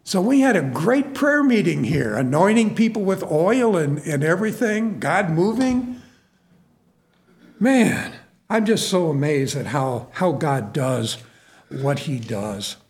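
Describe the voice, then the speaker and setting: A man's voice: on the high side, very animated, slow pace, darkish tone. A man preaching and telling a story in a folksy, earnest way, often repeating his words and calling for an amen. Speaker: preacher and prison minister. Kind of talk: storytelling sermon.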